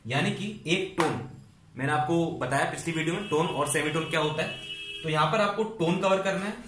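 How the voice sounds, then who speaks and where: A man's voice: on the high side, fairly bright tone, roomy sound, slight background noise. A man patiently explaining music theory, going over points again and checking that his students follow. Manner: patient, repeats and checks understanding. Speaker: music teacher.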